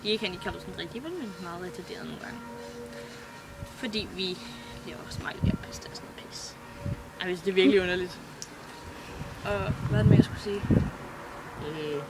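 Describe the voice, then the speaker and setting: A woman's voice: fairly high pitch, rough recording. A teenage girl chatting casually to her webcam at home, rambling, giggling and swearing offhandedly. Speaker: vlogger. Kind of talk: casual rambling chat to camera. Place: at home at the computer. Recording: loud background noise.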